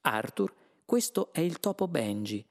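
A man's voice: on the high side, sing-song, measured pace, voice pushed up, exaggerated voice. A man voicing a young woman who speaks patiently and matter-of-factly. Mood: calm. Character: calm, resigned young woman.

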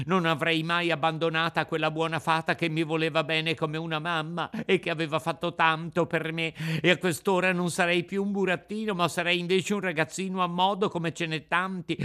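Pinocchio, as a man puts him on, a shrill wailing puppet. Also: fairly bright tone, smooth, lightly acted. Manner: shrill, whining, desperate. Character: wailing frightened wooden puppet boy.

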